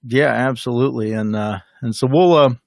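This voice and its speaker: An easygoing man in his forties talks agreeably on a home livestream, with a middle pitch and frequent ums. The sound is close and dry, with no audible room. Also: creaky, no echo. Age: 40s. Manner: easygoing, agreeable, halting with fillers. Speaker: ministry co-host who prays for viewers. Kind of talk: casual livestream chat.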